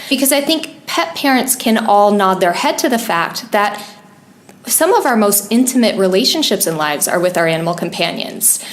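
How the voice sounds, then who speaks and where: Earnest woman explaining, echoey room. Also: mid-range voice. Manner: earnest, explanatory, laughs easily. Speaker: podcast co-host, pet wellness expert. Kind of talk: casual podcast chat. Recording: roomy echoey podcast recording.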